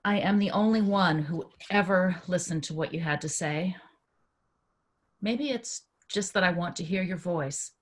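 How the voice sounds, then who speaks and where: A woman's voice: on the low side, a little slow. A woman reading the part of a devoted sister, speaking earnestly and with emotion in a staged play reading. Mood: tender. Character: caring adult sister, anxious and tender.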